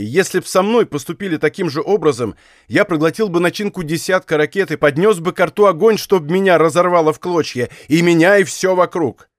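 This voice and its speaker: A man reading a bold, calm musketeer captain in an audiobook, speaking with dry irony. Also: a little high, dry recording, pitched above the performer's own voice, close to an everyday voice.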